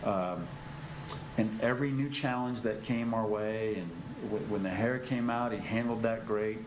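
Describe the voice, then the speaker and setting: A father gives a personal interview in a lowish man's voice. The room is echoey and noticeably noisy. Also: unhurried. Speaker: parent being interviewed. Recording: echoey room with clear noise.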